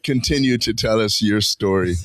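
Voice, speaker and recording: A middle-aged man hosting a podcast in a studio, talking in a relaxed, meandering way with pauses. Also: fairly low pitch, no room sound. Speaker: podcast host. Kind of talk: casual podcast conversation.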